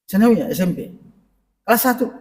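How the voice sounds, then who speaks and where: A middle-aged man with a high voice preaches in a relaxed, conversational way and keeps turning to the congregation. He sounds set back from the microphone. The mosque hall gives his voice a long, echoing tail. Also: moderate pace. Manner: conversational, addresses the congregation directly. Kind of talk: mosque parenting lecture. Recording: echoey mosque hall, mic at a distance.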